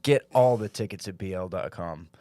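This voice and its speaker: A man's voice: low-pitched, normal speed, dark tone, no echo. Goofy riffing man co-hosting. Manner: goofy, riffing, laughs often. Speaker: podcast co-host. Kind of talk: casual comedy chat.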